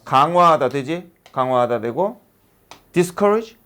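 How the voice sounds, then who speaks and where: Speaking at a measured pace in a clean, slightly high voice, a male high school English teacher instructs his class. His delivery is animated, built around continual rhetorical questions.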